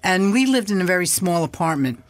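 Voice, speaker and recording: A woman's voice: lowish voice, big pitch swings, a little fast, dry recording. An older woman, a guest in an interview, telling a story with animation and acting out past dialogue.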